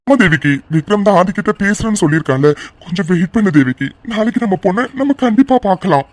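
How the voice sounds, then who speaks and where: A man's voice: high voice, expressive, fast. A man voicing a middle-aged father in a cartoon who earnestly pleads to see his lost daughter. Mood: earnest, emotional. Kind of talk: cartoon voice acting.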